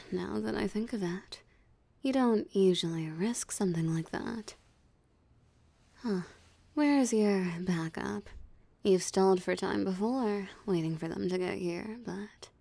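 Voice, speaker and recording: A voice actor plays a possessive, mocking female vampire in an ASMR roleplay audio drama, speaking in a teasing, theatrically smug drawl with an amused, mocking mood. Her medium-pitched voice is creaky and warm, slow, with long pauses and no echo.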